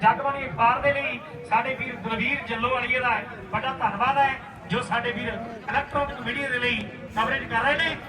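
A man with a very high-pitched voice and a Punjabi accent calls a rural kabaddi tournament in a declamatory style. He weaves in thanks and folk couplets, repeating lines for emphasis. His voice echoes from far off across a crowded outdoor ground. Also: steady tone, normal speed, a crowd in the background. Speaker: kabaddi match commentator and announcer. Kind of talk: rural tournament commentary mixed with thank-yous and recited folk verse.

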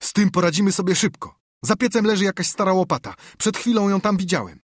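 Man reading doing a jumpy eager sidekick crook, high pitched and quick, husky. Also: expressive, no echo, clean studio sound. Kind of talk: audiobook character voice.

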